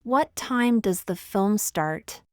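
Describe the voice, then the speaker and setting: A woman reading short everyday phrases one at a time for language learners, slow and deliberate. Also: mid-range voice, animated, no room sound, studio quality. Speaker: language teacher.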